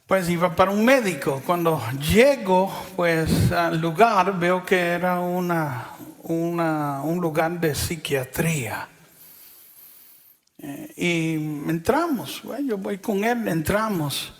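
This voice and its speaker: A middle-aged man preaches in a high, gravelly voice. He tells his sermon as a story, acting out what the people in it said and often pausing to check in with his listeners. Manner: storytelling, often adds "¿verdad?"; acts out what others said in the story.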